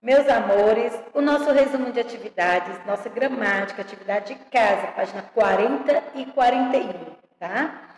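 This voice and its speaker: A woman teaching young children an online grammar lesson, drawing out each word slowly and checking in with them affectionately. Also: fairly high pitch, darkish tone. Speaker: primary school teacher. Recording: echoey room with long reverb.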